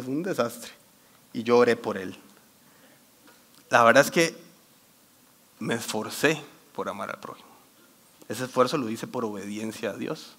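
Man, sermon talk, lively storyteller, getting over a cold. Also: medium pitch. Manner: lively storytelling, quotes scripture. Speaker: church youth speaker.

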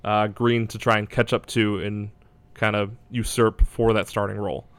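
A man's voice: lowish voice, flat delivery, normal speed, clean tone, no echo. A man talking casually as a basketball draft analyst, hedging and thinking aloud as he goes. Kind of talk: casual sports discussion.

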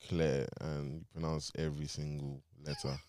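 A man's voice: very deep voice, little pitch movement, moderate pace, a crowd in the background. A young man, talking casually in a group discussion.

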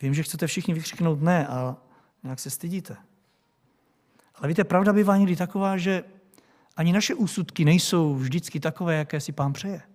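High-voiced male preacher. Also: a little mellow. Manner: rhetorical questions to the congregation. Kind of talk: sermon.

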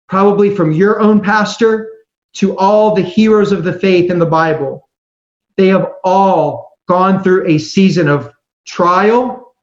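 High-voiced man preaching in an echoey room. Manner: earnest, emphatic, slows for scripture and key phrases. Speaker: youth preacher speaking to youth leaders. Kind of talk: conversational sermon exhortation. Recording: echoey room, slightly dull sound.

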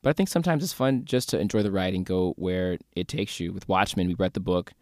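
A man with a fairly low voice talks through a TV episode in casual review chat. He is thoughtful and analytical and leans on fillers as he works through his ideas. The sound is close and dry, with no room around it. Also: fast, no echo. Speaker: podcast co-host.

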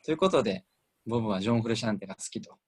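A man's voice: on the low side, lively intonation, very fast, slightly rough. A young man with a Kansai accent, hosting a casual band radio chat, leading the talk with questions and enthusiasm. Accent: Kansai Japanese. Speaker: radio show MC.

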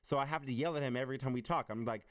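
A man chatting casually and telling animated stories, a self-described loud talker. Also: mid-range voice, racing. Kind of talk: casual chat.

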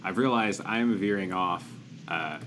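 A young man co-hosts a podcast, chatting casually about a movie in a low-pitched, unhurried voice with background noise behind him. He sounds hesitant and apologetic, stumbling and restarting his sentences often.

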